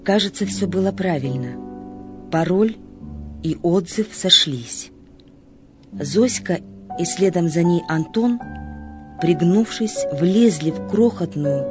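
A woman reading scripted literary narration as the narrator of a story. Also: fairly low pitch.

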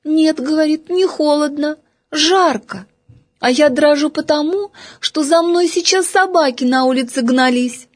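A woman voicing a tiny, timid creature girl with a thin, high little voice in a storybook reading. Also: normal speed, natural voice. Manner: plain, shy, short answers.

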